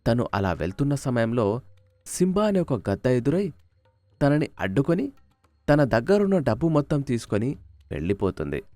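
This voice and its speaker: This is a man narrating a children's cartoon story. His delivery is expressive, with a pitch that swings widely around a mid-range voice. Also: normal speed, long pauses, dry recording, faint music behind.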